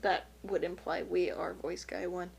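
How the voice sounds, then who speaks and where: A woman's voice: lowish voice, little pitch movement, a little slow, vocal fry, a little mellow, a little hiss or hum. A woman hosting a casual podcast chat, making dry, wry asides. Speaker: podcast host.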